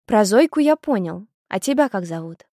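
Calm, explaining teenage boy, read by a woman, plain pitch, dry close sound. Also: moderate pace, no room sound, natural voice. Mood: friendly. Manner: matter-of-fact, explaining. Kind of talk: audiobook character voice.

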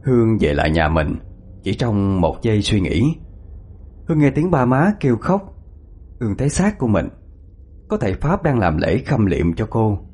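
A man narrating a ghost story in an expressive storytelling manner. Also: on the low side, normal speed, long pauses, breathy edge.

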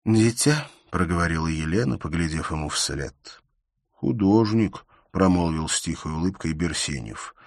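A man narrating a classic novel as an audiobook in an expressive storytelling voice. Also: rumbling low, brisk, few pauses, no echo, clean studio sound. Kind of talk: scripted narration.

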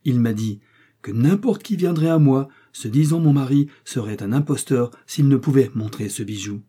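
A man's voice: mid-range voice, moderate pace, warm tone, close to an everyday voice. A man voicing a determined young wife who defies a courtroom, firm and insistent. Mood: accusing. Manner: firm, insistent, rising to outbursts.

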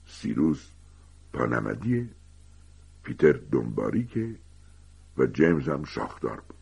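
A man's voice: a bass voice, gravelly, breathy edge, voice pushed down, full character voice. A man doing a weary, confiding teacher. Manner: calm, confiding storytelling. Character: gentle, weary grown male teacher confessing secrets. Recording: dull lo-fi recording.

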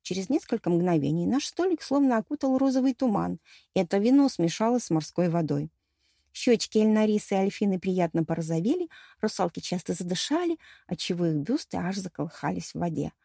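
A woman's voice: on the low side, lively intonation, fairly quick, gravelly, warm tone, dry recording, clean studio sound. A woman narrating a fantasy novel in the first person, with a wry, storytelling delivery. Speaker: audiobook narrator.

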